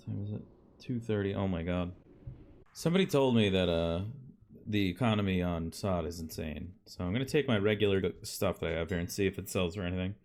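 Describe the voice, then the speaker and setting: A man's voice: low-pitched, darkish tone. A young man chatting casually while gaming, with a slangy, sweary frat-bro way of talking. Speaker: gamer playing an online raid. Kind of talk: casual gameplay chat.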